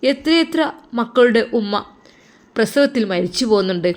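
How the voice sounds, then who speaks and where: Consoling younger brother, soft and reassuring, voiced by a woman. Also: a little high, expressive, moderate pace, natural voice. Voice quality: soothing, reassuring. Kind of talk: storybook narration.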